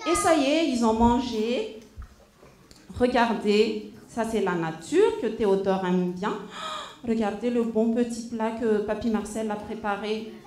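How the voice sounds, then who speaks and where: A woman at a church service telling a story to children in an animated way, often stopping to ask them questions. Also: fairly high pitch, unhurried.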